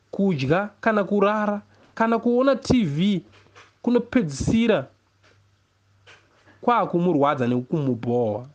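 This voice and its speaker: Reading a first-person literary story, a man with a Zimbabwean accent performs expressively, measured and with deliberate pauses. His voice is high with a darkish tone, as befits a novel reader and poet.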